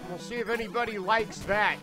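A man's voice: high-pitched, fairly even intonation, fairly quick. A middle-aged man doing casual live gaming commentary into a stand microphone, joking and self-deprecating. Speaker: game streamer. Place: indoor streaming setup. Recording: retro game music behind voice.

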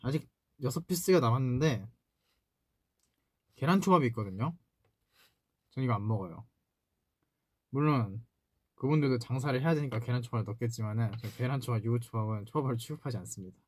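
A man's voice: mid-range voice, brisk, long pauses, slightly rough, no echo. Young man chatting on a livestream. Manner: playful, jokey, answers comments aloud. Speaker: idol singer doing a solo livestream. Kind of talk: casual livestream chat, reading fan comments. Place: small indoor room, seated at a desk.

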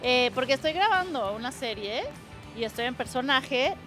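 A woman in her thirties, an actress answering in a quick, wry, matter-of-fact way outdoors into a handheld mic. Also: high-pitched, animated, music in the background. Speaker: actress, guest. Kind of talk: interview answers. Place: outdoors beside a trailer. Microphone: handheld microphone held by interviewer.

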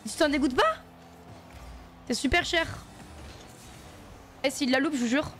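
During a casual gaming stream, a woman chats with her viewers using slang as she plays. Her voice sits high and a bit bright, she speaks a little slowly, and soft music plays behind her.

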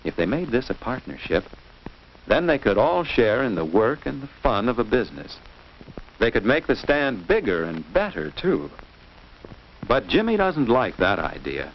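In a muffled, noisy soundtrack from an old 1950s film, an American man reads scripted narration for a children's instructional film. His mid-range voice swings widely in pitch at a normal speed, and he speaks didactically, posing questions to young listeners.

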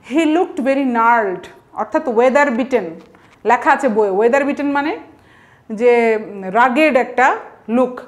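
A woman teaching English vocabulary, explaining each word patiently and slipping English example sentences into her talk. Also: fairly high pitch. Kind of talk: explanatory lesson.

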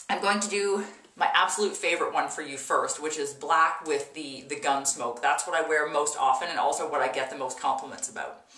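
Echoey low-voiced woman in a bathroom. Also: fairly bright tone. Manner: emphatic, repeats words for emphasis. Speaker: video host, makeup tutorial presenter. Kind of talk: casual tutorial chat to camera. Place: small indoor bathroom. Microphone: camera mic a little way off. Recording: echoey bathroom, mic at a distance.

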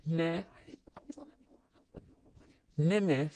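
Speaking extremely slowly in a mellow voice, a woman vlogger types messages on screen while casually talking to her audience. Her muttering is punctuated by abrupt, high-pitched outbursts.

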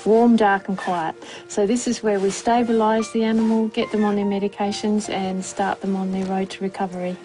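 A woman who runs an animal rescue centre, explaining her work in a relaxed, plainspoken way with many ums and uhs. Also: mid-range voice, normal speed, few pauses, poor audio. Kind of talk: casual explaining in interview. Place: wildlife rescue farm. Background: background music.

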